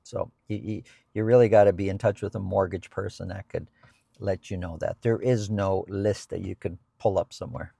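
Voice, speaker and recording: A middle-aged man with a low, gravelly voice talks casually through viewer questions from the seat of a parked car. He often restarts and repeats words as he explains. The lapel mic sounds close and dry. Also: steady tone, normal speed, warm tone, dry recording. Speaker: real estate agent and co-host. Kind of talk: casual Q&A chat.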